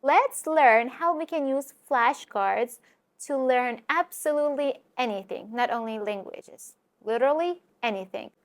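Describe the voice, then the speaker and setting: A woman who teaches languages on YouTube gives tips in a casual, vlog-style lesson. Her voice is high and a little slow, and she's lively and direct, talking straight to viewers and using lots of fillers.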